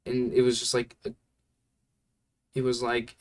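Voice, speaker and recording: A man's voice: medium pitch, completely flat delivery, unhurried. A young man telling a story in a casual, rambling way, full of fillers and laid-back slang. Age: young adult.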